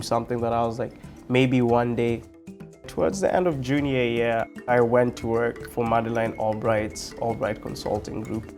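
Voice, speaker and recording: A man's voice: mid-range voice, darkish tone. Young Kenyan man with music behind. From Nairobi, Kenya. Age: 20s. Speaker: student body president. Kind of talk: personal storytelling in an interview. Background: background music.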